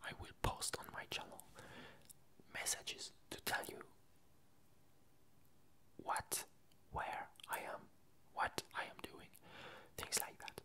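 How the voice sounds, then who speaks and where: Casual, rambling talk comes in a bright, slow ASMR whisper from a video creator. It's a halting delivery, tentative and frequently self-correcting.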